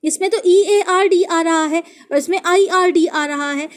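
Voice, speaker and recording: A woman teaching English spelling, who slowly repeats each word and spells it out letter by letter. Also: very high-pitched. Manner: reads English verse lines slowly and deliberately. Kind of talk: classroom lesson explaining English spelling in Hindi.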